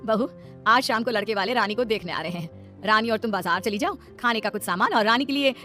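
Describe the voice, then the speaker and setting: Cartoon mother-in-law, older and strict, sharp-tongued. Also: on the high side, fairly quick, soft background music. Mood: softer. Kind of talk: animated storybook voice acting.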